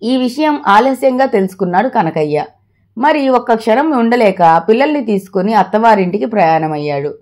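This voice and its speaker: A woman storyteller reading moral stories aloud in a measured, friendly manner. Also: on the high side, lively intonation, a little mellow.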